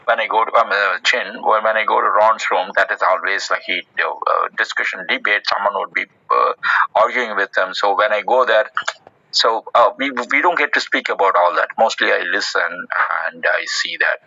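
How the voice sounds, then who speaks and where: A man hosting a casual group discussion in an audio chat room, earnest and halting, with many restarts. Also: on the low side, sharp tone, no echo. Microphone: phone in an audio chat app. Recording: muffled dry audio-room recording.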